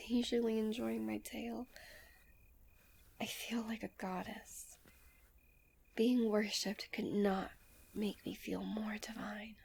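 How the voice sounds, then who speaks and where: A woman voicing a doting, possessive fox-spirit wife in a soft, breathy whispered role-play, speaking gently, intimately and soothingly. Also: fairly high pitch, heavily acted. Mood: adoring, tender.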